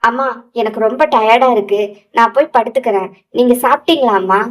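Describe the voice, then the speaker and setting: Woman doing young male hero, gruff and tender, teasing scolds, high-ish voice, distant mic. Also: brisk, lightly acted. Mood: gentle.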